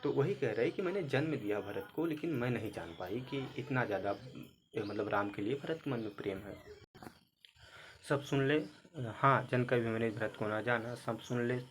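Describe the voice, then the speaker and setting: A man's voice: mid-range voice, moderate pace, a little hiss or hum. A man teaching a Hindi poem to exam students, reading each verse and then glossing it word by word. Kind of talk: explaining a Hindi poem line by line.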